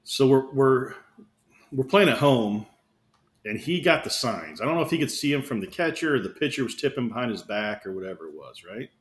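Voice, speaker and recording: A man as a podcast guest, a baseball scout, telling animated stories with frequent laughs. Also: mid-range voice, brisk. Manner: animated storytelling, laughs often. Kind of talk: casual podcast chat.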